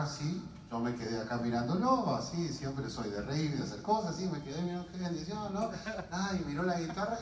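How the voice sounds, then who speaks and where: A man's voice: medium pitch, slight background noise. A man preaching as a guest, telling stories with humor in a church, recorded from far off in an echoey hall. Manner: animated, humorous storytelling. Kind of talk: sermon storytelling.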